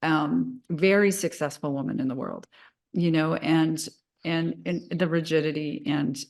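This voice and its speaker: A woman hosts an interview in a fairly low voice. She talks in an enthusiastic, chatty way and fills her sentences with fillers and restarts. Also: measured pace, gravelly, darkish tone. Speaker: interview host. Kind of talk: casual interview talk.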